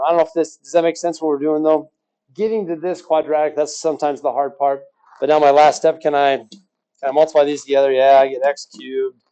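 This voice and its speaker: A man's voice: on the high side, mellow, smooth, rough recording. A male math teacher giving a recorded lesson, quizzing the class with rhetorical questions and joking along the way.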